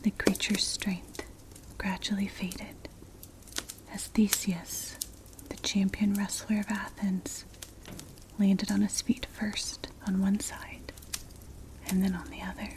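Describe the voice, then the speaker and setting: A woman narrating a story for ASMR in a breathy, unvoiced whisper, gentle and measured, close to the mic. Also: medium pitch, flat delivery. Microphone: close mic, ear-to-ear ASMR. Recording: clear background noise, clicks. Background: crackling fire.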